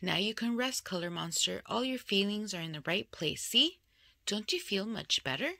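A woman reads a children's picture book aloud, using an expressive storytelling style. Her mid-range voice is creaky and moves at a normal speed.

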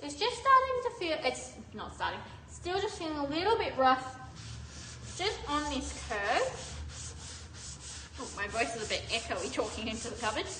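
A chatty woman whose voice bounces back from inside a cupboard, giving it a hollow, boxy echo. Her pitch sits a little high, and loud street noise runs underneath her talk. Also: very animated, normal speed. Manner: chatty, gentle, laughs often. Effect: echoey from talking into a cupboard. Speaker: shop owner demonstrating furniture finishing. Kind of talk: casual livestream demonstration. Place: retail shop with doors open. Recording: echoey shop with loud traffic noise.

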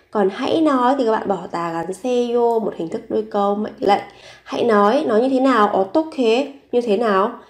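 Brief: woman, language teacher, steady mid-pitched voice, slow patient drill-and-explain delivery. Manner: repeats each phrase slowly, then explains it. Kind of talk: bilingual language lesson.

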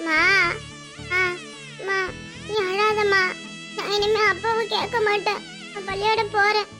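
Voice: extremely high pitch, little pitch movement, unhurried, over loud music. A performer voicing an anxious, tearful small schoolboy in a cartoon, asking pleading questions, with a southern Tamil accent from Tirunelveli. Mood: comforting. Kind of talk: cartoon voice acting.

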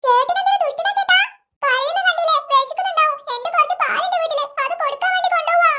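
Super high squealy cartoon little girl, kind and pleading, chatters fast. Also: pushed and bright.

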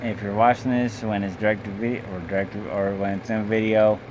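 A man's voice: lowish voice, flat delivery, a little fast, lo-fi sound. Drunk, rambling young man over background noise. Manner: loose, rambling, blunt, swearing. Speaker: amateur film reviewer. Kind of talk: rambling casual video review, profane. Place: small bedroom, indoors. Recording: clear background hum and noise.

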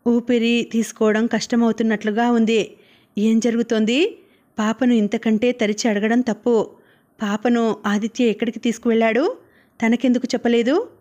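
Woman reading a novel out loud, audiobook style, kinda high voice, pretty flat and even. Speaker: audiobook narrator. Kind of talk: audiobook narration.

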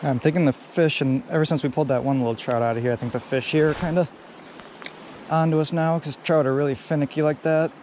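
Filming himself with a head-mounted action camera, this young man fishes outdoors beside a creek and pond, narrating casually for his viewers in a fairly high voice. He talks fast but stays relaxed, and the clear recording carries the sound of running stream water and other outdoor noise.

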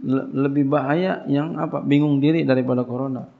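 A man's voice: medium pitch, fairly even intonation, brisk, gravelly. A man giving a casual religious lecture as a pesantren teacher, asking his listeners questions and answering them in a colloquial way. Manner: colloquial, call-and-response questions. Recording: dull lo-fi lecture recording.

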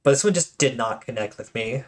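A man's voice: medium pitch, lively intonation, a little fast. A man hosting his own channel and commenting casually on tournament replays, chatty and joking, with lots of fillers and restarts.

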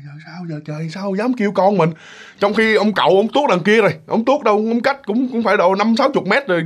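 Speaking in a high-pitched voice, a Southern Vietnamese man recounts a ghost story in a lively, relaxed manner. He frequently turns to address the audience directly.

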